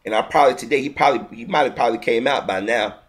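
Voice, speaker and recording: An indignant video commentator rants on camera at a very fast pace in a mid-range voice. The ranting is heated and repetitive, with frequent restarts.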